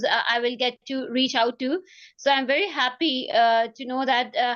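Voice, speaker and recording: Young woman from Pakistan hosting a webinar with a high voice. She speaks effusively and thankfully, with loose phrasing and lots of fillers. The sound is dull video-call audio. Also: fairly bright tone. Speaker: webinar moderator.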